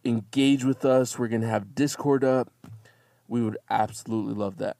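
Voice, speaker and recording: A man's voice: medium pitch, steady tone, normal speed, creaky, dark tone, no room sound. A man talking casually to listeners as host of the podcast, friendly and a little rambling.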